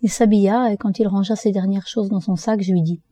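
A woman reading a first-person story aloud for an audiobook in a steady, measured way. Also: medium pitch, dry recording. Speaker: audiobook reader.

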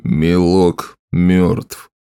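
A man voicing a brutal, scarred raider king in an audiobook, gruff and mocking, low and slow. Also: little pitch movement, warm tone, no room sound, heavily acted. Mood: grim.

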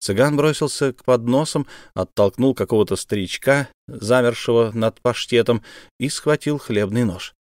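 A man reading an audiobook in a dramatic, measured narration. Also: medium pitch, a little mellow, dry recording, clean studio sound. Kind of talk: scripted narration.

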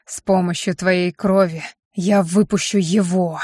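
A woman plays a power-hungry villain mage who boasts with a fanatic's certainty. He speaks slowly and smugly about his plans. The audiobook recording is dry. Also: lowish voice, steady tone, a little mellow, breathy edge, no room sound. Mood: fanatical boasting. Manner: self-satisfied, fanatical ranting. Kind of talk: audiobook character voice.

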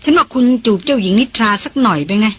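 A woman voicing a sharp-tongued, tense woman doctor in an audiobook, sarcastic and commanding. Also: a little high, lively intonation, fast talker, breathy edge.

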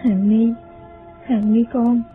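A man's voice: very high-pitched, level tone, takes it slowly, voice pushed up. A man reading an audiobook voices a worried middle-aged mother who coaxes and reassures in an anxious way. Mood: anxious coaxing. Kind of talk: audiobook character voice. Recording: phone-like sound, faint music.

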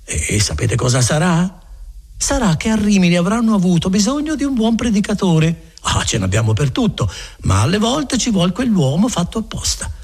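A man voicing a chatty, kindly friar who talks in a garrulous, folksy, self-assured way, with a husky voice. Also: sits high, big pitch swings, moderate pace, a little mellow, pitched above the performer's own voice, heavily acted. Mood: rambling.

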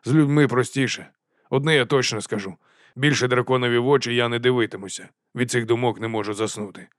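A man voicing a gloomy, curt middle-aged watch captain in an audiobook, speaking slowly. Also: mid-range voice, fairly even intonation, no room sound, studio quality, close to an everyday voice. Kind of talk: audiobook character voice.

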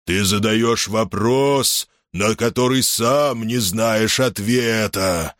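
Male reader as a dim, whiny pancake monster: low, very slow, howling drawn-out delivery. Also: a bit bright, no echo, clean studio sound. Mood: indignant. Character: huge slow-witted flat pancake monster, plaintive.

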